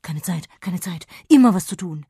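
A woman voicing a shaggy, bearded male fairy who is always busy, speaking loudly in quick, clipped phrases. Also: on the low side, lively intonation, husky, no echo, studio quality, heavily acted. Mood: hurried. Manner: hurried, loud, clipped repetitions.

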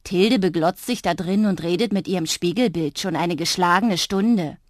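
A woman's voice: fairly low pitch, moderate pace, lightly acted. A tattling, mocking brother sneers at his sister in a storybook scene, as a woman reader voices him in her own voice. The sound is dry and close, without any room echo.

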